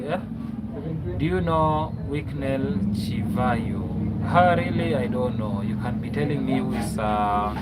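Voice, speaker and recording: Kenyan man chatting on a noisy livestream. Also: mid-range voice. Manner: chatty, tags many phrases with a questioning "yeah?". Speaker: livestream host. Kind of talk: casual livestream chat.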